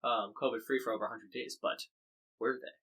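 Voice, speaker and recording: A man's voice: mid-range voice, steady tone, fairly quick, pushed and bright, husky, poor audio. An American man hosting a podcast, covering the news in casual, wry chat full of fillers and restarts. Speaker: podcast host.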